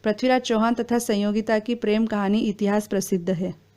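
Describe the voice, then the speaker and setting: A woman reading exam quiz questions and their answers in a steady, formal recitation. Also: medium pitch, brisk.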